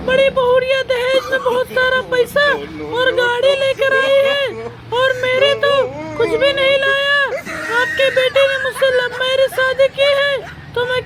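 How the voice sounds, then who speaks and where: A defiant young daughter-in-law in a cartoon comedy, played by a woman pleads and argues in a very high, tearful voice with little melody. A loud noise runs behind her. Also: flat delivery, measured pace, a loud crowd. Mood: aggrieved. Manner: pleading, arguing back. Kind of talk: cartoon voice acting.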